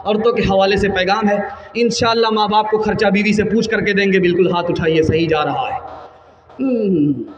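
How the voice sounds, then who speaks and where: A man preaching a sermon at a large religious gathering, talking rapidly and rhetorically and urging the crowd to raise their hands. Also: high voice, lo-fi sound. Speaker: Islamic preacher. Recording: echoey hall reverb with faint music.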